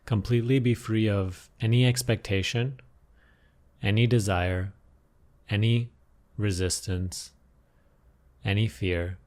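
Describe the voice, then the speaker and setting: A man with a lowish voice and steady tone guides listeners through a spontaneous meditation as their teacher. His gentle directions unfold slowly, with pauses and recurring phrases.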